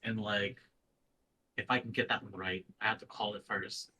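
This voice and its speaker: A man's voice: on the low side, steady tone, moderate pace, bright, forceful tone, rough recording. A man chatting casually as a game show contestant, with some noise on his recording. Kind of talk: casual chat.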